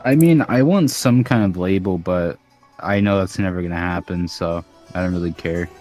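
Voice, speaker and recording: Young man, very low voice, podcast host, crude rambling chat full of fillers, faint music underneath. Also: moderate pace, darkish tone. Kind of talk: casual chat.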